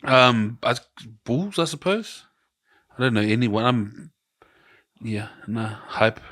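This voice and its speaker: A man's voice: mid-range voice, expressive, slow, a bit bright, no echo, studio quality. A middle-aged man with a New Zealand accent, hosting a casual podcast chat and telling long stories, acting out the voices of people he quotes. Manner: rambling storyteller, acts out quoted voices. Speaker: podcast host.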